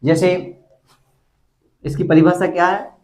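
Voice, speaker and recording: A man's voice: high voice, fairly even intonation, a little mellow. Man teaching at a small board. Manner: slow, explanatory, repeats examples aloud. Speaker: Hindi teacher. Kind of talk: classroom lesson at a board.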